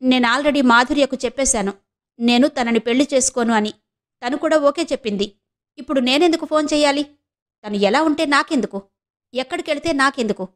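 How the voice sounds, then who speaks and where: Woman doing curt young man, dismissive, high pitch, audio novel. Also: brisk, natural voice.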